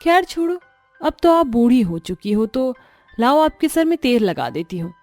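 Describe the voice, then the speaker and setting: A cheeky young bride in a cartoon story, boastful and teasing, as a woman puts on her voice. She speaks high and bright with a lilting, mocking lift. Soft music plays underneath. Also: big pitch swings, normal speed, dry recording. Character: vain young daughter-in-law, boastful and cheeky. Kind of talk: animated storybook voice acting.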